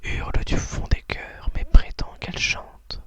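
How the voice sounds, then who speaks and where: In her role as host of talk and poetry readings, a woman whispers gently and breathily. The ASMR-style delivery is unhurried, with some hesitation.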